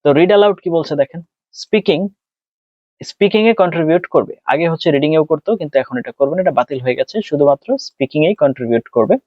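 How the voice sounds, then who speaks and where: A man teaching a test prep lesson. He asks and answers his own questions, and he slows down and spells things out when he speaks English. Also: a little high, dry recording. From Bangladesh. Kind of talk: tutorial lesson, mixing Bengali and English. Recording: dry, dull lo-fi sound.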